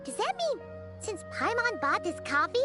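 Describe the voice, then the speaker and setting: A woman voicing a tiny, excitable female companion sprite in a video game, who chatters in a squeaky voice and talks about herself in the third person. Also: moderate pace. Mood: excited. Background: soft game music.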